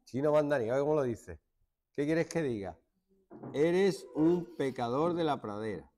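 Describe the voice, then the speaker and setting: Animated Andalusian man teaching a class, fairly high voice, jokes and shushes his students. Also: moderate pace, slight background noise. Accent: Andalusian Spanish. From Málaga, Spain. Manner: joking, hushes students. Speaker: secondary school teacher. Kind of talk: classroom lesson.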